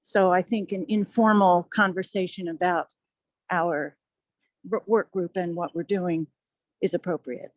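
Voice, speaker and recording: A woman judge in a meeting, talking over a phone line in a measured, polite, explanatory way. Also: lowish voice, steady tone, no room sound. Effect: heard over a phone line. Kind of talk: meeting discussion.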